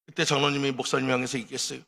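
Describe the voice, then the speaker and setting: A man's voice: medium pitch, flat delivery, racing, gravelly, bright, forceful tone. A man preaching a fervent revival sermon in a prayer retreat hall, with impassioned, rising declarations. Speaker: pastor. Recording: long reverb of a large hall.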